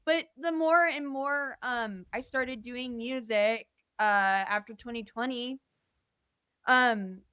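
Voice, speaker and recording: A woman's voice: fairly high pitch, slow pace, a bit bright, clear, resonant tone, no echo, clean studio sound. A young adult woman talking as a guest musician in a casual podcast interview. She speaks candidly and earnestly, rambling with many fillers. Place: indoor podcast studio.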